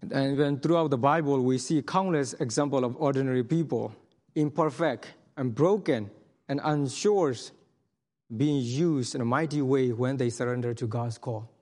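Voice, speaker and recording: This earnest man delivers a testimony from the pulpit of a hall in a medium-pitched, slightly mellow voice. As a missionary speaker, he stumbles through many restarts and fillers, and the recording carries a long reverb.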